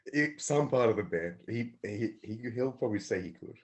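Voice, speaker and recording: A man's voice: on the low side, lively intonation, normal speed, slightly rough. A young man co-hosting a podcast, easygoing and laughing often in casual chat. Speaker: podcast co-host.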